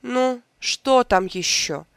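A pompous old king from a fairy tale drawls his words slowly and irritably, voiced by a reader. The voice carries a gravelly fry. It sounds dry and close-miked. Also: mid-range voice, animated, a bit bright, dry recording, pitched above the performer's own voice, heavily acted.

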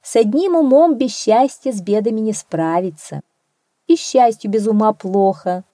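Female audiobook narrator, fairy tales, warm mellow voice, dry close mic. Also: mid-range voice, moderate pace, no room sound. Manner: expressive, lively storytelling. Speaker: storyteller.

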